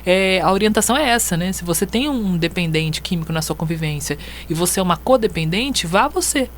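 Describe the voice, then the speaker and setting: A woman's voice: on the low side, lively intonation, a little fast, a little hiss or hum. A woman hosting a live radio interview in a chatty, informal way, her voice sounding unwell and off. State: under the weather, voice off and monster-like as self-described. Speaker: radio host.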